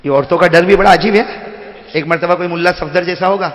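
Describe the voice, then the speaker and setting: A male preacher giving a humorous sermon to a seated gathering in a large hall, teasing listeners by name and calling out to the crowd. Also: sits high. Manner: jokey, teases listeners by name, calls out to the crowd. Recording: echoey hall with long reverb.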